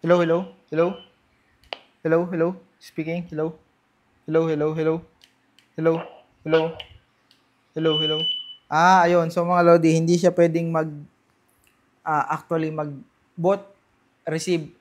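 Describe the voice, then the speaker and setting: In a slightly high, level voice, a Filipino man unboxes and tests products for his vlog, talking a little slowly with long pauses. He's informal, speaks directly to viewers, and mixes in English with his Tagalog. Slight background noise can be heard.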